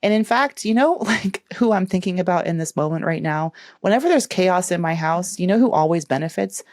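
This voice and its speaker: A woman's voice: fairly low pitch, expressive, a little fast, darkish tone, no room sound, studio quality. A woman podcast host giving casual career advice in a chatty, encouraging way with playful asides.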